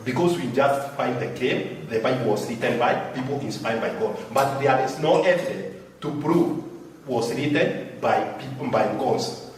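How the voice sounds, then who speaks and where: A man's voice: medium pitch, normal speed, a little hiss or hum. A Kenyan man, a former assistant pastor, earnestly telling his story in plain words as an interviewee. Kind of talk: casual interview answer. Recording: very echoey room, far mic.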